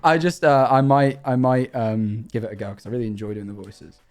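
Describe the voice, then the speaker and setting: A man's voice: mid-range voice, level tone, fairly quick, darkish tone, faint music behind. A young British man with a mid-range voice talks loosely and jokingly on a livestream. He rambles and restarts his sentences. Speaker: streamer. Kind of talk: casual livestream chat.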